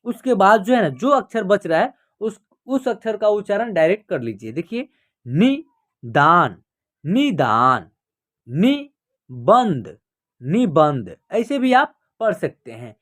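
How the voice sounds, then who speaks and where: A man teaching an online reading lesson, asking himself questions, answering them, and drawing words out slowly. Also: sits high, very animated. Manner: slow, drawn-out reading of words.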